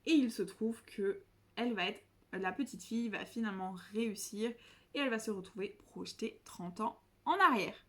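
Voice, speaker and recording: A young woman book vlogger chats casually at a medium pitch and moderate pace. She is self-mocking and rambling, with many fillers and restarts.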